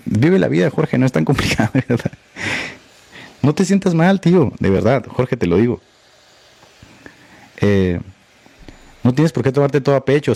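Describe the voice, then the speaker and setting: A man's voice: medium pitch, creaky, warm tone, no room sound. A man hosting a livestream podcast, talking bluntly and sarcastically and aiming his lines at one critic. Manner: repeatedly addresses a critic by name. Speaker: podcast host. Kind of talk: livestream monologue.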